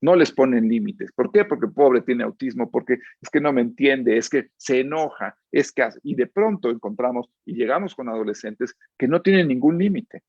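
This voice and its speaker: A psychologist with a Mexico City accent giving an earnest lecture, often asking "¿sí?" to check in. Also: male voice, mid-range voice, animated, moderate pace, few pauses, a little mellow, husky, dry recording, dull audio. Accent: Mexico City Spanish. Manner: keeps checking in with a questioning "¿sí?"; earnest, explanatory, uses fillers like "este". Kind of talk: lecture with told anecdotes.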